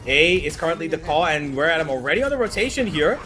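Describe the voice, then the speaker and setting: A man working as an esports caster, giving live play-by-play on a shooter match in an excitable, urgent manner. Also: fairly high pitch, fast talker. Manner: excitable, rising urgency in action.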